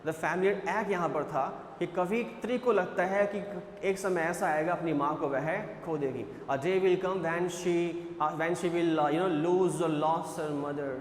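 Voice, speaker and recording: A man's voice: a little high, slow pace, reverberant, big-room sound, slight background noise. A male English teacher with an Indian accent lecturing on a poem, switching between Hindi and English and repeating phrases as he explains.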